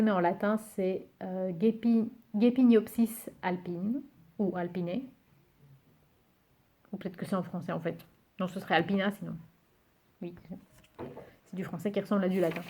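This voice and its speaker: A woman presenting a card game in a casual video, cheerful and amused, pausing often with fillers and reading titles slowly. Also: mid-range voice, darkish tone. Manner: hesitant, many fillers, muses aloud over names; reads English card titles slowly and carefully. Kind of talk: casual show-and-tell presentation.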